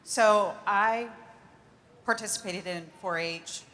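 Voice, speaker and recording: A woman's voice: medium pitch, slow pace, fairly bright tone. A middle-aged woman representing a buying company, giving short plain interview answers with some hesitations. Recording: long hall reverb.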